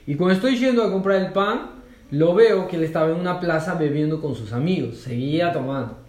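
A man's voice: fairly high pitch, a little fast, a little mellow. A man teaching a conversational Bible lesson, telling personal stories with fillers and rhetorical questions. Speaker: church cell group leader teaching a course. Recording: roomy echo.

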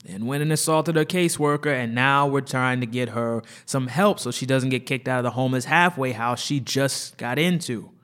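A man voicing a blunt police officer who briefs a doctor in a loud, forceful rush. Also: medium pitch, moderate pace, hardly any pauses, natural voice. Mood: exasperated.

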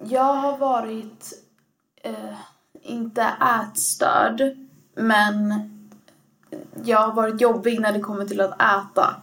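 A woman's voice: on the high side, level tone, pauses often, fairly bright tone. A woman co-hosting a podcast in casual chat, hesitant and full of fillers and hedging. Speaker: podcast co-host.

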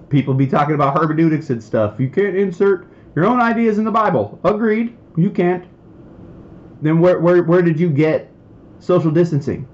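A man's voice: fairly high pitch, darkish tone, slight background noise. Heated preaching man, dull lo-fi sound. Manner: heated, worked-up, emphatic. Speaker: preacher and podcast host. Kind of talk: impassioned podcast sermon.

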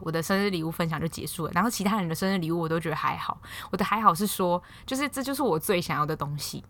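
A woman's voice: lowish voice, a bit bright. A woman in her twenties with a Taiwanese Mandarin accent, hosting a casual solo podcast and rambling through a story with many restarts. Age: 20s. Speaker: podcast host.

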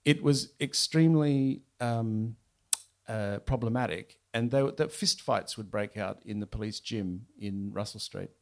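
A man, the author, speaking at a bookshop event. He chats wryly between passages and then reads his novel aloud. His voice sits low and carries a steady gravelly fry. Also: unhurried. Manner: chatty, wry, with fillers and restarts. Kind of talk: casual talk and reading aloud from his novel.

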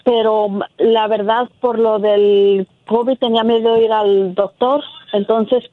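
Female caller, fifties, slightly high voice, halting personal account over a narrow-band telephone. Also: steady tone, no echo. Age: 50s. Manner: hesitant, filler-heavy with repeated "este". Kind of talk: personal account to a call-in host.

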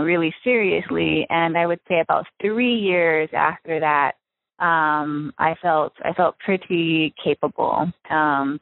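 A woman's voice: fairly low pitch, no room sound. Woman from Hawaii on a phone line. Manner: relaxed, chatty with frequent ums and soft laughs. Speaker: guest, freediving spearfisher. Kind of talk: casual interview over the phone. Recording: tinny phone line, dry.

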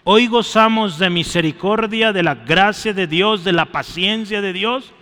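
A man's voice: high voice, measured pace, sharp tone, big-room sound. A man preaching a sermon and closing in prayer, urging his listeners and often checking in with a short "right?" and "brother". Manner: exhorting, often adds "¿sí?" and "hermano" to his phrases.

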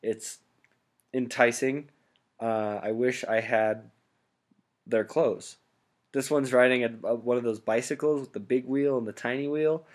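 A young man hosts a loose podcast chat and spins absurd claims with a straight face. He keeps laughing at his own jokes. His voice sits at an ordinary middle pitch. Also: unhurried, pauses often. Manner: deadpan absurd riffing, laughs often. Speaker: podcast host. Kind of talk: joking casual chat.

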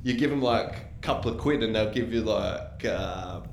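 A man's voice: lowish voice, normal speed. A man chats casually and informally as a podcast co-host, matey and full of slang, in a roomy recording. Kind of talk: casual chat. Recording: roomy echo with clear background noise.

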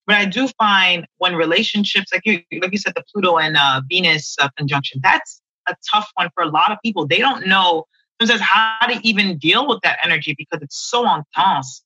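A woman astrologer talking through client stories in a relaxed podcast conversation, filling her speech with "you know". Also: on the low side, fairly quick, slightly rough, no echo, low-quality recording. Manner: chatty, frequent "you know" fillers.

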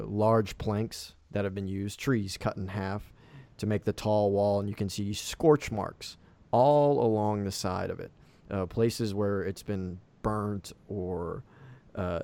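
Gravelly man narrating a tabletop game. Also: fairly low pitch, a little mellow. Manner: loose, filler-heavy narration. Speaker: game master.

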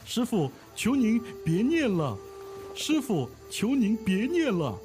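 A man voicing excitable disciples in an old tale, switching between worried muttering and pleading, with faint music. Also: sits high, takes it slowly, voice pushed up, heavily acted. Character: pilgrim disciples of a monk, pig and monkey, excitable.

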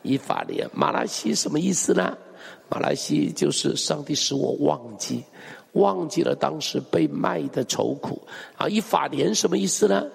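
A man's voice: on the high side, very animated, moderate pace, creaky, husky, in a large hall. A male pastor preaching a sermon, emphatic and full of rhetorical questions to the congregation. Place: church hall.

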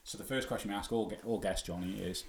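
Low-voiced Manx man hosting a podcast. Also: fast, roomy sound. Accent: Manx (Isle of Man). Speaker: podcast host. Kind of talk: conversational sports podcast hosting. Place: podcast studio.

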